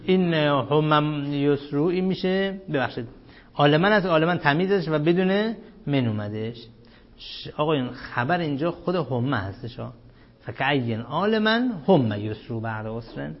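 A man's voice: a little high, expressive. Man lecturing a grammar class, lo-fi. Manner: quizzing students and answering himself, chanting Arabic text slowly. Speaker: teacher of Arabic grammar. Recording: dull lo-fi classroom recording.

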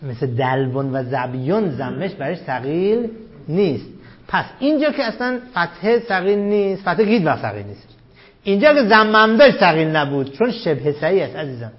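A man teaching a grammar class. He reads quoted lines slowly and loudly, questions the students and calls them "sir" and "dear". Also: a little high, sing-song, muffled recording. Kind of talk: classroom lesson, reading a text aloud and explaining it.

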